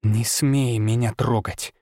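Guy doing a snooty young village girl, sneering, pitched way up. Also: very animated, brisk, dry recording, clean studio sound. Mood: scornful. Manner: mocking, haughty. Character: scornful young village girl, sharp-tongued.

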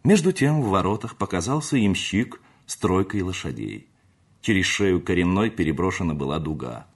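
A man narrating a classic novel as an audiobook, measured and expressive. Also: sits low, husky.

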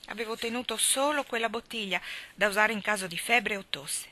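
A woman voicing a stern, practical older guardian in a storybook reading, with a brisk, no-nonsense manner. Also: mid-range voice, bright, forceful tone, lightly acted. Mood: brusque.

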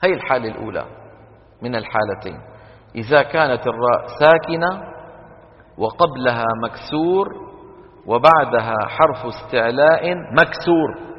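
A man teaching Quran recitation rules to a class, quizzing students with quick questions and chanting the examples slowly. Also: medium pitch, expressive. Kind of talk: classroom lesson on tajweed rules. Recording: dull lo-fi recording with long hall reverb.

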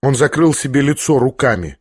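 A man reading the narration of a novel for an audiobook in a measured, steady way. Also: medium pitch, husky, dry recording, clean studio sound. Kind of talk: scripted literary narration.

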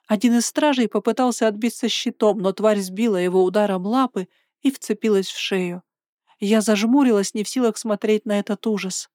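A woman narrating a first-person fantasy story in a steady, dramatic reading. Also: mid-range voice, dry recording, studio quality.

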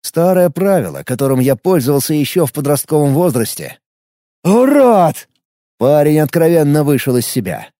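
A man's voice: on the high side, expressive, brisk, hardly any pauses, mellow, no room sound, clean studio sound. A man narrating an audiobook in first person, with an ironic storytelling manner.

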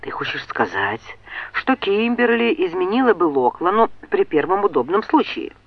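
Woman reading as a calm, cutting young man. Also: mid-range voice, moderate pace, creaky, breathy edge, no room sound, dull audio, full character voice. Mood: cool. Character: cool-headed, needling young man.

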